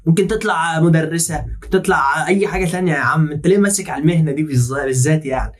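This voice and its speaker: Man, Egyptian accent, reaction host, sarcastic, rapid-fire. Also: a little high. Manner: mocking, teasing. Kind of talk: casual sarcastic commentary.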